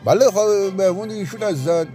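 A man's voice: sits high, mellow, soft background music, voice pushed up, close to an everyday voice. A man voicing a reluctant household cook answering dismissively in a storybook reading.

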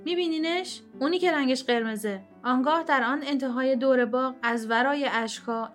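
A woman narrating a short story for an audiobook in a steady, expressive storytelling manner. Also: sits high. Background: soft instrumental music.

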